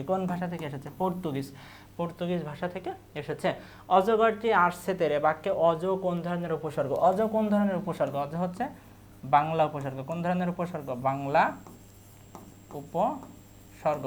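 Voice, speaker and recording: A man's voice: on the high side, slight background noise. Man quizzing through exam questions. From Bangladesh. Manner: quizzing, repeats each question and answer. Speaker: teacher. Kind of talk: exam review lesson.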